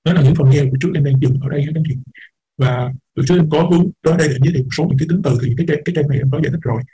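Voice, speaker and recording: A man's voice: a little high, racing, dark tone, slightly rough, rough recording. A man teaching an English class, explaining patiently, repeating words and mixing English terms into his talk. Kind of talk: online class lecture.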